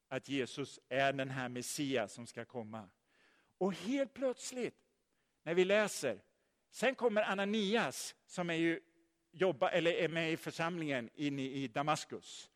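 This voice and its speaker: A man preaching a sermon, telling the story in a lively way and putting questions to his listeners. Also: a little high. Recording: long hall reverb.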